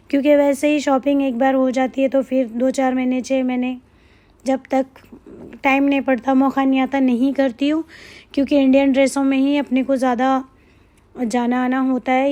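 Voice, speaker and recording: A woman with a hoarse throat from a cold, rambling chattily in a casual vlog voice-over. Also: high voice, mellow. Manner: chatty, rambling, repeats herself. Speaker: shopping vlogger.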